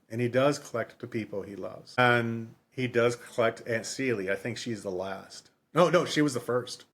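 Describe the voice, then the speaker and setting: With a mid-range, slightly bright voice, the co-host talks off the cuff about books in a relaxed, unscripted way. He tends to ramble, repeating himself and rephrasing mid-thought.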